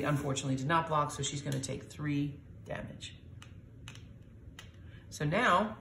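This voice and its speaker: A low-pitched woman, middle-aged, chatting casually to viewers as she plays a board game at home and talks through each rule. Her voice sits in a roomy space with a faint hiss behind it. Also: vocal fry, a bit bright. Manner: explains rules aloud, chatty, reacts with little exclamations. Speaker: host playing a board game with her daughter.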